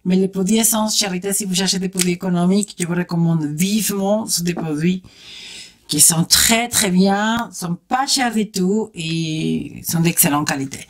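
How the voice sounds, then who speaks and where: A woman vlogger chatting through a makeup tutorial, talking straight to her viewers with enthusiastic exclamations. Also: on the low side. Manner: chatty, talks straight to viewers while working. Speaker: beauty vlogger. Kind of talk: casual makeup tutorial chat.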